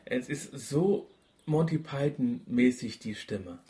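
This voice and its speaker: A man's voice: medium pitch, expressive, slow, mellow. A man co-hosting a casual podcast chat, talking with frequent fillers and restarts. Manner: chatty, hesitant with fillers and restarts. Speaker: podcast co-host. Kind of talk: casual chat reviewing a radio play.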